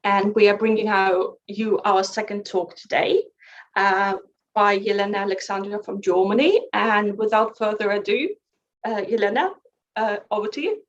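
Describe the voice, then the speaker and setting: A woman's voice: mid-range voice, steady tone, normal speed. A woman hosting a festival session, briefly introducing the next speaker with a few hesitant fillers. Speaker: festival host. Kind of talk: event introduction. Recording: dull lo-fi line with faint noise.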